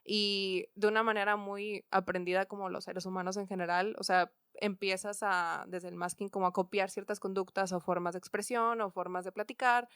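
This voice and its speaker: A woman's voice: medium pitch, steady tone, normal speed, hardly any pauses, fairly bright tone, clean tone, dry recording, clean studio sound. A woman with a Mexican accent, a coach and podcast guest, explaining ideas thoughtfully with frequent fillers. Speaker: guest, work and education coach. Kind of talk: conversational podcast interview.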